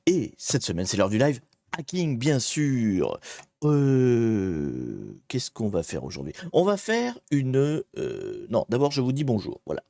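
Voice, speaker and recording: A man's voice: mid-range voice, wildly swooping pitch, slow, creaky, warm tone, dry recording, clean studio sound. A man hosting a casual live-stream hacking tutorial, chatty and self-deprecating, greeting viewers and hesitating often. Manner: chatty, rambling, many hesitations.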